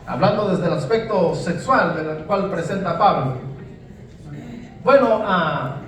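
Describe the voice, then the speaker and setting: A man's voice: high-pitched, lively intonation, slow, a bit bright, a little hiss or hum. A man preaching a sermon, emphatic, often repeating words and saying amen. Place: church hall. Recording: very echoey church hall, mic at a distance.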